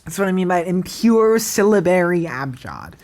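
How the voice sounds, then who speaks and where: A Cantonese-speaking woman, a language creator, thinks aloud while screen-recording, planning an invented language at her computer and rambling, second-guessing herself and using lots of fillers. Her voice is lowish and a little mellow, very animated, at a moderate pace.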